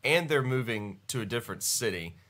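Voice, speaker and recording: A podcast host on a live stream chats casually in a medium-pitched, slightly bright voice that sounds stuffy and congested. He is animated and a little fast, rambling and laughing often.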